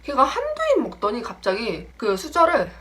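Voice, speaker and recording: A woman in her twenties, a storytelling vlogger, animatedly relates a casual story about a friend, performing the quoted lines in different voices. Her voice is on the high side at a normal speed, with slight background noise.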